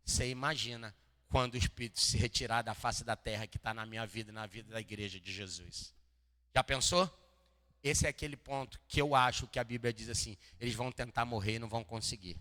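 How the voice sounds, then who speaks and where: Bright-voiced Brazilian pastor preaching. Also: male voice, medium pitch, a little fast. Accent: Brazilian Portuguese, Rio de Janeiro. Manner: animated preaching, swings from quiet to loud, jokes with congregation. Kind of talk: sermon. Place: church hall. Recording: long hall reverb, faint guitar behind.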